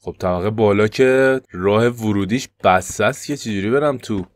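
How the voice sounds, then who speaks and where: A man with an Iranian Persian accent doing let's-play commentary as a gaming YouTuber. He swings between loud panicked yelps and hushed, tense muttering. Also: lowish voice.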